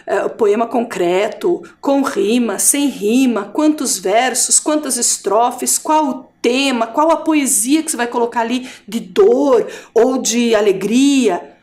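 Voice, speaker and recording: A Brazilian woman teaches a recorded lesson in a high, very animated voice that swoops up and down. She takes her time, drawing out example words in a sing-song way, and checks in with her students often. The overall effect is a patient, expressive classroom delivery. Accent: Brazilian Portuguese. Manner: sing-song, drawn-out words when modeling rhymes; checks in with "certo?" and "ok?".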